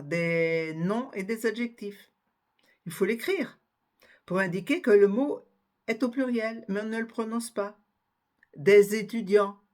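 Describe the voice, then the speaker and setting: A woman giving a spelling and pronunciation lesson, slowly spelling out letters and examples one by one. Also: medium pitch, a little mellow. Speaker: French teacher.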